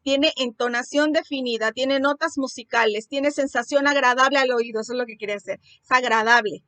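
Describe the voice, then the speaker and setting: High-voiced teacher explaining sound. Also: female voice, fairly bright tone, no echo. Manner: explanatory, many fillers and restarts. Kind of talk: online class lesson.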